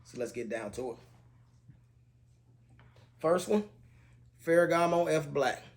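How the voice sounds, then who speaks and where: A man casually reviewing budget fragrances to camera, talking in a relaxed way and listing scent notes in a steady cadence. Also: on the high side, slow pace.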